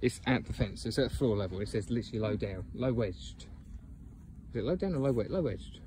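A man's voice: medium pitch, animated, brisk, dark tone, a little hiss or hum. A man filming a casual outdoor walk-and-talk vlog on a phone, rambling with many ums and chuckles. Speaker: geocaching vlogger. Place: outdoors by a fence and bushes.

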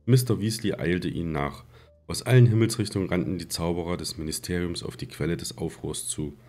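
A man reading a novel aloud in a plain, steady voice for an audiobook series. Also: low voice, fairly quick.

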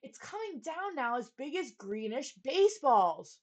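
A woman voicing a frantic young boy page, shouting breathless warnings in a storybook reading. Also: high voice, sing-song, measured pace, pitched above the performer's own voice. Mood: urgent alarm.

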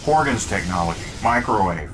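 A man playing a confident, stubborn inventor in an armored suit for a video game, with a gravelly voice. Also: deep voice, animated, fairly quick, noisy background. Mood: focused.

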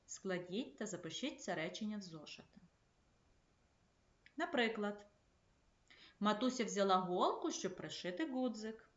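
Female primary teacher, remote lesson, measured delivery, roomy echo, slightly dull sound. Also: mid-range voice, animated. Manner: clear, measured classroom instruction. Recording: echoey, slightly dull room recording.

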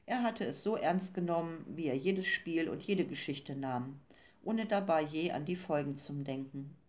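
Mellow woman reading an audiobook. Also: low voice, moderate pace. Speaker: audiobook reader. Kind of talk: scripted narration.

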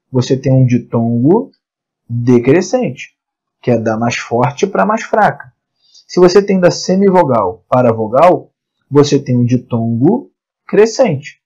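A man teaching exam-prep grammar, asking and answering his own questions in a lively lecture. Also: a little high, breathy edge, muffled recording. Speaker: Portuguese teacher.

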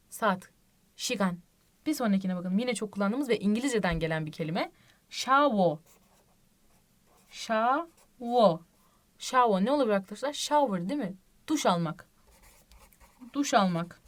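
Patient woman teaching, repeating words slowly. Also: medium pitch, animated. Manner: asks the class frequent tag questions. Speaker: Korean language teacher. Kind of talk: online lesson explaining reading rules.

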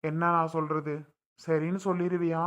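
A man's voice: on the high side, level tone, normal speed, a bit bright, natural voice. A man playing an older father-in-law who coaxes and insists, repeating his pleas, in a family drama skit. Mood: coaxing.

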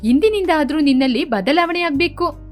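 A woman's voice: high voice, expressive, moderate pace, soft background music. A woman doing a stern scolding elder sister. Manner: scolding, lecturing. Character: stern older sister scolding her sibling.

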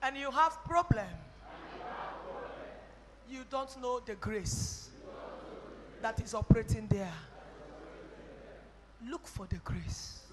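A Nigerian woman prophetess leading a church testimony, fervently swinging between shouting and hushed talk. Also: high-pitched, big-room sound. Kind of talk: charismatic preaching.

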